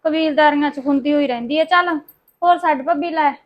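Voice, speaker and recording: A woman playing a modest, dutiful married sister visiting her family, with a Punjabi accent and soft, polite replies. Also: high voice, brisk, lo-fi sound, natural voice. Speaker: visiting sister in a short film. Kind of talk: village family drama acting.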